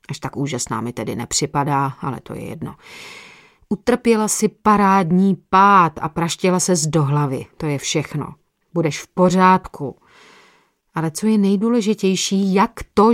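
A woman's voice: fairly low pitch, no echo, clean studio sound, natural voice. A woman reading the part of a blunt, matter-of-fact female friend in an audiobook. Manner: matter-of-fact, drops to a whisper at times.

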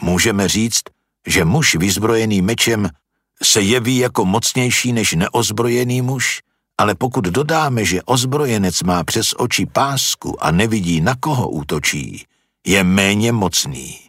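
Narrator: man with a low, husky voice, dry close sound, steady storytelling read. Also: dry recording. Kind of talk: scripted narration.

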